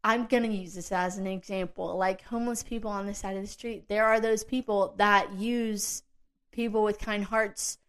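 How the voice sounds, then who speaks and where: A woman's voice: mid-range voice, steady tone, normal speed, smooth. Chatty woman hosting a faith podcast. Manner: chatty and earnest, with frequent fillers and asides. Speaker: podcast host. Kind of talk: casual faith talk, solo podcast recap.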